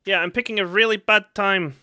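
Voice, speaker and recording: A gaming streamer gives live commentary on a survival game in a high, pushed, bright voice, talking fairly quickly with fairly even intonation and no room sound. He chats with viewers, makes asides to chat, and is jumpy, yelping at sudden scares.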